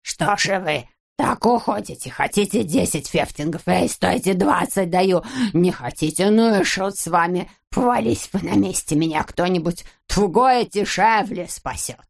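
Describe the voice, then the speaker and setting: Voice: mid-range voice, slow, gravelly, bright, forceful tone, full character voice. An audiobook reader voicing a stingy, grumbling rich man who lisps, saying F instead of R. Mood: calling after. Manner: grumbling, haggling. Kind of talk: audiobook character voice.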